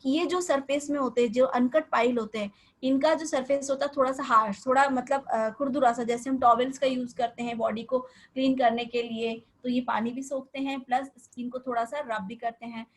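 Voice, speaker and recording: A woman's voice: high voice, low-quality recording. A woman teaching a class on garment terms with a Hindi accent. She explains step by step and often poses questions to her students.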